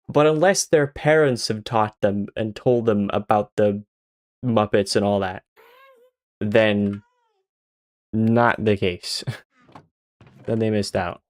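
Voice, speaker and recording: A young Swedish man chats casually while streaming a game, swearing often and laughing at his own jokes. His medium-pitched voice is a little mellow, with no room sound.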